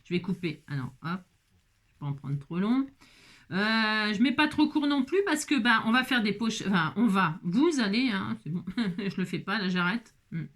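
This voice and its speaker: A woman's voice: mid-range voice, expressive, moderate pace, fairly bright tone. A woman chatting casually through a crafting tutorial, exclaiming often and dropping little interjections as she works. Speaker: crafting vlogger.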